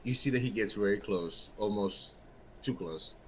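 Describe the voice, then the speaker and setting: A man's voice: lowish voice, moderate pace, lo-fi sound. A man acting as game master, narrating a tabletop role-playing game. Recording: faint background noise, room ambience.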